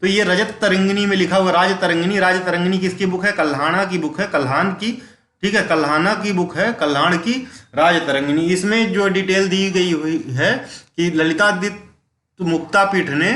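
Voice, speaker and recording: A man's voice: high-pitched, pushed and bright. A man, giving a step-by-step exam-prep history lecture, asking questions and answering them himself. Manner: explains step by step, asks and answers own questions, keeps saying "ठीक है"; reads English quiz questions slowly, mixes English terms into Hindi. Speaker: exam coaching teacher. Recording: echoey room.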